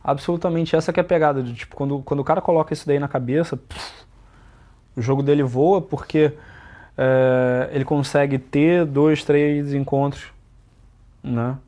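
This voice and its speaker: A young man hosting a casual podcast chat about dating, animated, swinging his loudness and pitch, swearing for emphasis. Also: normal speed. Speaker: dating coach and host.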